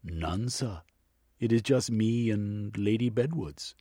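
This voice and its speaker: A man's voice: fairly low pitch, slow pace, dark tone, slightly rough, no room sound, studio quality, voice pushed up. A man playing a deferential Victorian butler. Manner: polite, formal, deferential.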